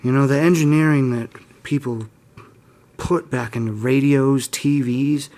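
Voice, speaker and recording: A hobbyist video host speaks a little slowly in a medium-pitched voice while doing a hands-on demonstration. Informal and casual, he meanders somewhat and teases himself. Steady mains hum and room noise are present, together with electrical hum and faint static.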